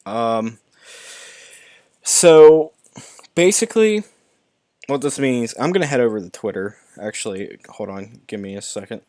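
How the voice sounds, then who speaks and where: A man's voice: on the low side, unhurried, mellow, no room sound, studio quality. A young man hosting a live stream, reading movie news articles aloud and commenting, often stumbling and restarting words. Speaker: YouTube movie news host.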